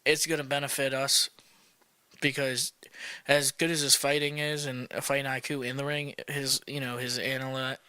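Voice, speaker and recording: A man's voice: medium pitch, little pitch movement, moderate pace, pushed and bright, clean tone, no echo. A man co-hosting a casual sports podcast, laid-back and skeptical, talking loosely with plenty of fillers. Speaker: podcast co-host.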